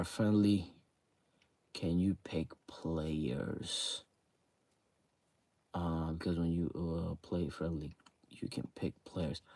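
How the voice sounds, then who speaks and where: Sore-throated and with his voice sinking, a streamer rambles to his viewers about a game league, full of fillers and repeats. He sounds low-pitched and darkish, and the recording is dry.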